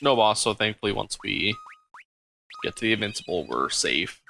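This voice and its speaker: A man's voice: lowish voice, lively intonation, moderate pace, creaky, bright, forceful tone. A man hosting a let's play, giving casual gameplay commentary and thinking aloud with frequent ums and uhs.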